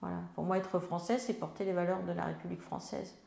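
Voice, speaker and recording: A woman's voice: lowish voice, fairly even intonation, quick pace, gravelly, dark tone, echoey room. A woman, an elected member of parliament, answering interview questions in a hesitant way with many fillers and restarts.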